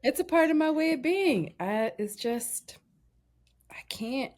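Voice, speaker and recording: A woman's voice: high voice, expressive, slow, a little mellow. A woman in her thirties co-hosting a podcast over a call, talking candidly and mocking herself with frequent laughs. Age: 30s. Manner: candid, self-deprecating, laughs often. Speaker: podcast co-host. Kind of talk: casual chat. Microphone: remote call.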